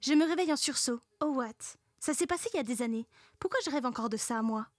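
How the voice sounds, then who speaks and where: A woman's voice: high-pitched, lively intonation, fast, no echo, studio quality. A woman narrating a comic first-person story in a casual, slangy, sarcastic way. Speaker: narrator of a comedic story parody.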